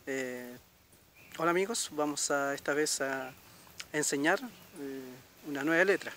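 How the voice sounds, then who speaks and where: A middle-aged man from Chile teaching a language lesson, patiently repeating words slowly and checking in with listeners. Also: fairly high pitch, pushed and bright, a little hiss or hum. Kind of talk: casual spoken lesson.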